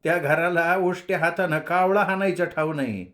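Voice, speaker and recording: A man's voice: on the high side, normal speed, fairly bright tone, voice pushed up, natural voice. A man voicing a feisty, scolding old village mother-in-law in a storybook reading. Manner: scolding, snapping.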